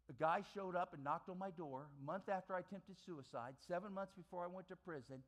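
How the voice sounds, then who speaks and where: A man with a fairly high-pitched voice tells his personal testimony to a chapel audience. He builds his story dramatically, hammering key phrases again and again, then drops to quiet, low lines. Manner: swings from loud bursts to quiet low lines. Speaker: chapel guest speaker.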